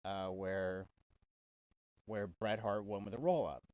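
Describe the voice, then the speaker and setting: A man's voice: lowish voice, steady tone, slow pace, a little mellow, dry recording. A man giving a casual, swear-heavy wrestling review, exasperated and full of restarts. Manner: profane, exasperated, stumbling restarts.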